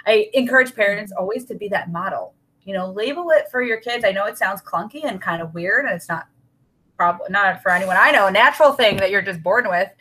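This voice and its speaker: A woman's voice: medium pitch, a little fast, pushed and bright, poor audio. A woman talking as a guest expert in a podcast interview, who acts out the worried voices in people's heads. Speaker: guest expert on child anxiety.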